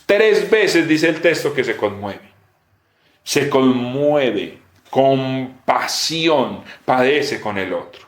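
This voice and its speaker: A man preaching a sermon with emotion, dropping soft and rising loud. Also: medium pitch, expressive, drawn-out words. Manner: emotional, swings between soft and raised voice. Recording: roomy echo.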